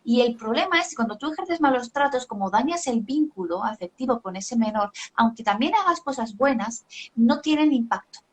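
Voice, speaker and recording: A woman's voice: a little high, expressive, normal speed. A middle-aged woman, a parenting author explaining ideas in a live video chat, with everyday examples. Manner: didactic, uses examples and acted quotes. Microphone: video call.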